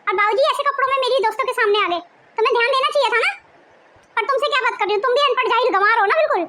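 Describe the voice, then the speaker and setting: A woman's voice: racing, noisy background. A woman acting a haughty young wife who scorns her in-laws, snapping out insults in a home-video family drama. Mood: furious. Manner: sneering and shrill, snapping out insults. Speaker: actor in a family drama skit.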